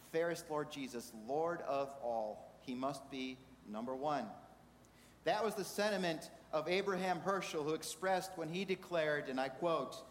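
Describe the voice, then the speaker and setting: A man preaching a sermon in a measured way, asking the congregation rhetorical questions. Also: on the high side, slight background noise. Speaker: pastor. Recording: reverberant hall with faint ambience.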